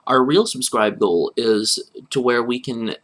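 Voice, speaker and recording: A man co-hosting a casual live stream, answering viewer questions in an easygoing, measured way. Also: medium pitch, a bit bright. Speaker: co-host of a musical comedy channel.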